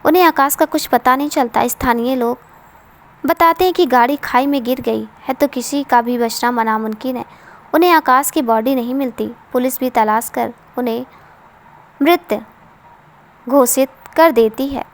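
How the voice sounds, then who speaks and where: Woman narrator, high-pitched, earnest, steady, emotional story reading. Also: normal speed.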